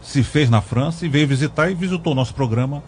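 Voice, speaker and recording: Co-host guy, mellow darkish voice, casual chatty asides. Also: fairly high pitch, quick pace, slight background noise. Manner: recalling, adding asides. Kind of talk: casual chat.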